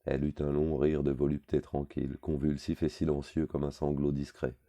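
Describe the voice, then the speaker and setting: A man reading a novel aloud in a measured literary manner. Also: rumbling low, flat delivery, mellow, dry recording, studio quality. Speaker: audiobook reader.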